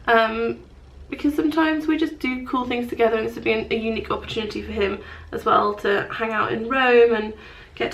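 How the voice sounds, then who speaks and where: A woman's voice: fairly high pitch, fairly bright tone, slight background noise, poor audio. A woman, chatting casually in a rambling, self-mocking vlog. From England. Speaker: vlogger. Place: hotel room, then outdoors in a city.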